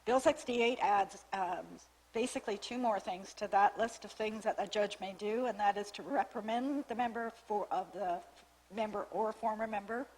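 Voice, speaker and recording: Losing her voice and coughing often, a woman on the town's staff briefs a council meeting in its chamber on new legislation. She reads the clauses formally and methodically, with small restarts. Her mid-range voice has a darkish tone and a moderate pace, and the recording is rough.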